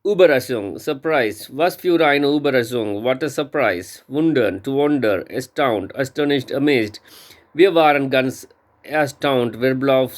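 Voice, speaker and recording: A man works slowly through a textbook, reading words and example sentences aloud. His delivery is careful and halting, and he often stops to restart a word. His pitch sits in an ordinary middle range. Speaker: language learner.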